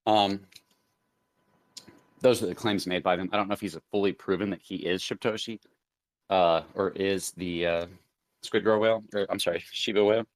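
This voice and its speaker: A man's voice: low voice, steady tone, moderate pace, pauses often, no echo. A man hosting a live crypto audio chat, rambling casually with many fillers as he thinks aloud. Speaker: crypto show host.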